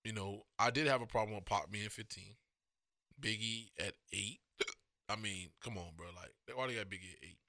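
A man co-hosting a podcast, talking in loose, profane, animated banter while he has the hiccups. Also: fairly low pitch, moderate pace, dry recording, studio quality. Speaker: podcast co-host. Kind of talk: casual chat.

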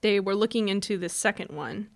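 A woman's voice: mid-range voice, brisk, gravelly. A woman co-hosting a casual podcast, telling a history story in a chatty way and laughing often.

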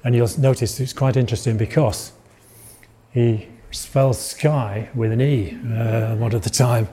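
A man's voice: mid-range voice, fairly even intonation, unhurried, mellow, husky. Rambling Yorkshire man giving a lecture. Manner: rambling, with frequent restarts and asides. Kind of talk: illustrated lecture.

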